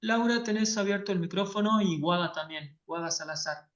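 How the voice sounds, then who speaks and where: A woman's voice: fairly low pitch, normal speed. A woman teaching an online class. She explains carefully and keeps checking that her students follow. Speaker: workshop teacher. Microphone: video call. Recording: lo-fi video call audio.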